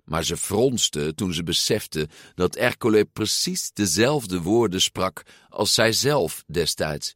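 A man reading a children's story aloud in an expressive, unhurried way. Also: deep voice, dry recording, studio quality. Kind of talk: storybook read-aloud narration.

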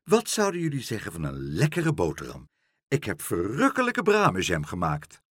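A man's voice: lowish voice, wildly swooping pitch, normal speed, fairly bright tone, breathy edge, no room sound, studio quality, heavily acted. A man voicing a jolly, scatterbrained woman in a storybook reading. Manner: jolly, exclaiming.

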